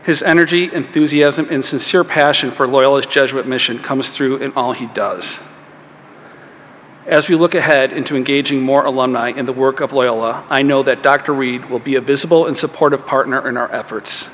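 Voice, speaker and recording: A man's voice: mid-range voice, normal speed, a bit bright. A man in his fifties reading prepared remarks in a formal podium speech. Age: 50s. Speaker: alumni board president. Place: stage of a large auditorium. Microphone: podium microphone. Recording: hall reverb, faint background noise.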